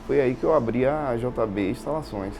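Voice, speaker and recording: With background music playing, an installation business owner from Salvador, Bahia, gives an informal personal account as an interview guest. His medium-pitched voice moves at a moderate pace, carrying a Bahian Brazilian accent, and he repeats phrases and tacks on frequent tag questions.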